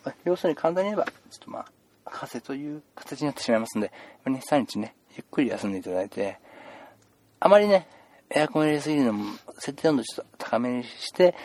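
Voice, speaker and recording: A man's voice: mid-range voice, no echo, close to an everyday voice. A man playing a punning chatty doctor. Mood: reassuring. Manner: rambling with puns and gentle scolding. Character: chatty joking male doctor seeing patients. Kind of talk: improvised comedic role-play.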